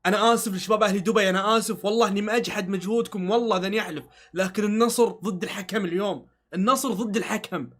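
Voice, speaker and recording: A man's voice: high voice, fairly even intonation, very fast, hardly any pauses, fairly bright tone. A man reacting live to a football match, swearing oaths and pleading with the players.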